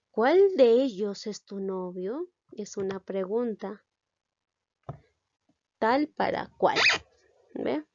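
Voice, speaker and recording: A woman teacher explaining a grammar lesson, checking in often with her students and reading example sentences slowly with emphasis. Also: mid-range voice, vocal fry, warm tone, no echo. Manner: explains with many checking "¿ya?" tags. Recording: dull, dry lo-fi recording.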